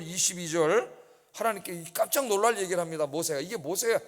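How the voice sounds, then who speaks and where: A male pastor preaching a dawn service sermon, animated and often putting rhetorical questions to the congregation. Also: high-pitched. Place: church sanctuary. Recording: church hall reverb.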